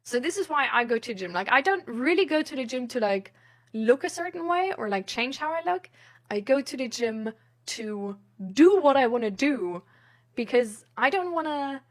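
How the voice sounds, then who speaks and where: At normal speed, a high-sitting woman's voice with lively intonation chats casually with her stream's viewers. She reads their messages out, rambling and giggling, her phrasing hesitant.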